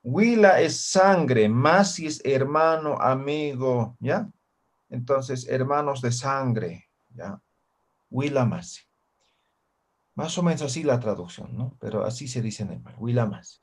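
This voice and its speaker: A man teaching a language class over a video call, slowly repeating words and checking in with his students. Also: mid-range voice. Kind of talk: online class teaching vocabulary.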